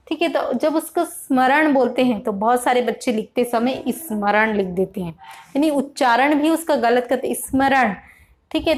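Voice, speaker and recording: A woman teaching an online grammar lesson, explaining patiently, repeating words slowly to stress their spelling, often checking in with "theek hai". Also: fairly high pitch, darkish tone. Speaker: Hindi teacher. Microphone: computer or phone mic, online class.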